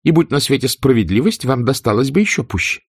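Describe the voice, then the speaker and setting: A man's voice: mid-range voice, big pitch swings, quick pace, breathy edge, dry recording, clean studio sound, voice pushed up. A man voicing a cold, hateful spinster who speaks with icy contempt and trembling anger.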